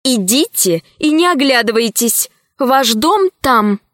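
Woman doing a grieving resolute woman, weary, controlled, slow, high voice. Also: animated, no echo, clean studio sound. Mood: weary firm.

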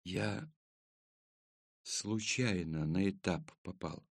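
A man voicing a frightened young convict boy in an audiobook, speaking quietly in a half-whisper. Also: deep voice, drawn-out words, creaky, dry recording, studio quality, full character voice. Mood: hushed.

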